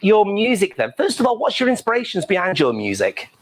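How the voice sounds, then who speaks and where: A man's voice: high-pitched, wildly swooping pitch, fairly quick, slight background noise. A man hosting an interview in a playful, teasing, camp manner. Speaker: host. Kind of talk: casual interview chat.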